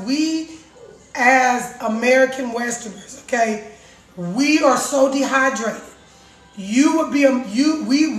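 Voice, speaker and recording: Filmed on a phone camera across the counter of her echoey home kitchen, a middle-aged woman with a raspy voice that sits high chats live with viewers about juicing. Chatty and repetitive, she keeps calling them "guys" as she talks as a juice vlogger.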